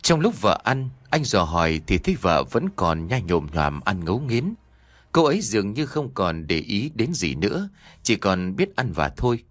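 A man narrates a horror audiobook with expressive storytelling. His voice sits low yet moves a lot in pitch. The recording is close and dry, with no room around it. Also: normal speed, dry recording.

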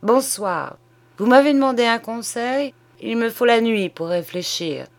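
A woman's voice: on the high side, expressive, measured pace, voice pushed up. Woman playing an eager old male detective. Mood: agitated. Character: elderly male retired police detective, eager, shrewd. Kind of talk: audiobook character reading.

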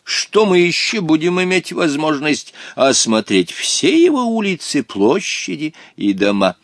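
A man voicing a courtly, ancient male genie who speaks in a slow, flowery, ceremonious way. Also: on the high side, sing-song, no room sound, clean studio sound, voice pushed up. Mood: solemn.

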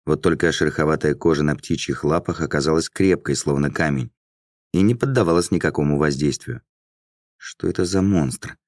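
A man reading a fantasy audiobook as narrator in a measured, even storytelling manner. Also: a bass voice, no echo, studio quality.

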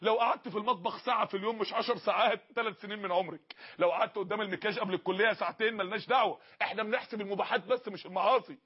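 Male preacher, Egyptian Arabic accent, rapid-fire and high-pitched, husky, dull lo-fi recording. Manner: impassioned, pleading, rapid. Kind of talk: fiery Egyptian sermon.

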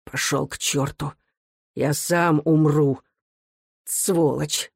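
Dying gruff workman, low hoarse snarl, slow and dry, as a reader puts him on. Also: steady tone, no echo, full character voice. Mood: bitter. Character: dying surly male factory locksmith, gruff.

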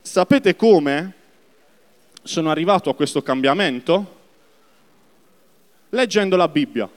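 A man preaches a sermon with a lively, rising and falling delivery and a fairly high voice. He turns to the congregation, asking questions and urging them to respond. His voice rings with the long reverb of a church hall. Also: a little slow. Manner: lively, addresses the congregation directly.

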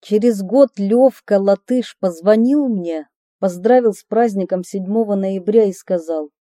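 Warm, dark-voiced woman reading a memoir. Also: mid-range voice, a little slow, no room sound, clean studio sound. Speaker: narrator of her own memoir.

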